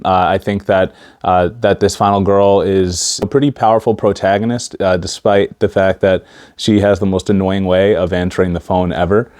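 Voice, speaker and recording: Guy doing a casual movie review, kinda low voice, halting, mouth stiff after wisdom teeth removal. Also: flat delivery, a little mellow, smooth. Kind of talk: casual talk to camera.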